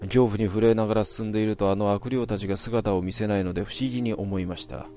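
A man narrating a horror story from his own past in a measured, suspenseful way. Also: lowish voice, fairly even intonation, mellow, faint music behind.

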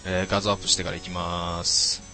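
Deadpan low-voiced male streamer. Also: brisk, soft background music. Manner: wry, deadpan reading of viewer comments, many filler "eh"s. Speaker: game streamer. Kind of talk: casual solo live stream chat.

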